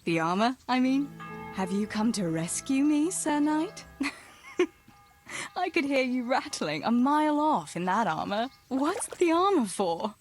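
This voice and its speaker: Theresa, a teasing young village sweetheart. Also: female voice, high voice, sing-song, slow, faint music behind, exaggerated voice. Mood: playful. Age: young adult.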